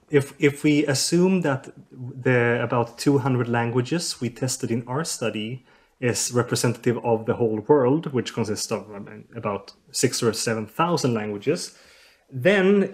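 A researcher whose first language is Swedish explains his work as a guest in a podcast interview. His voice is mid-range and darkish, and he often hesitates, restarting sentences with fillers.

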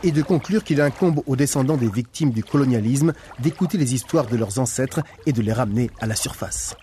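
A man hosting a radio magazine, reading a scripted news narration in a measured, formal way. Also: medium pitch, expressive, noisy background.

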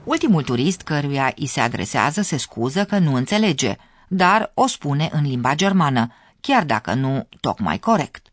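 A radio lesson host reading scripted narration clearly, explaining and addressing listeners directly. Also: mid-range voice, very animated, few pauses, no room sound.

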